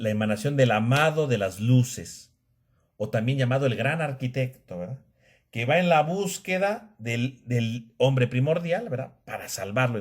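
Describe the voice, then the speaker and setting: A man's voice: medium pitch, a little mellow, slightly rough. A man giving a casual classroom lecture, often checking in with his listeners and restarting sentences. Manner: conversational, tag questions, frequent restarts. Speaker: theology lecturer.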